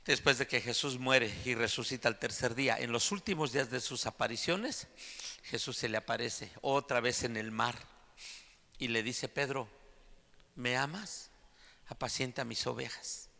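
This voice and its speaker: A man's voice: medium pitch, fairly even intonation, moderate pace, long reverb tail. A man preaching an emphatic sermon to his congregation in a church. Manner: emphatic preaching, often loud and climbing. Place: church sanctuary.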